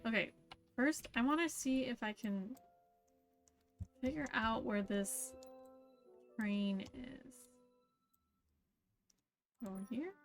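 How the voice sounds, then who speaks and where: A woman's voice: on the high side, takes it slowly, long pauses. A woman streaming a video game, chatting casually with her viewers and trailing off with fillers. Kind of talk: casual live-stream chat. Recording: stream with faint game music.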